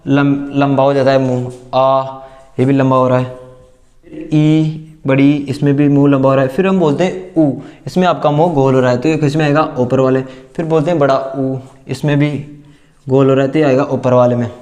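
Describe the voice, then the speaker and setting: A man teaching a class, repeating terms slowly and asking and answering his own questions as he writes them down. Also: mid-range voice, fairly even intonation, a little mellow. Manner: dictates as he writes. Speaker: Hindi teacher. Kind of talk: classroom lesson at a board.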